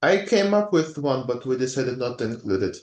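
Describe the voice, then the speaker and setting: A male student speaks casually in a class discussion, with a halting delivery as he looks for words. His medium-pitched voice comes through with a roomy echo. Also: very animated, darkish tone. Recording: roomy, echoing sound.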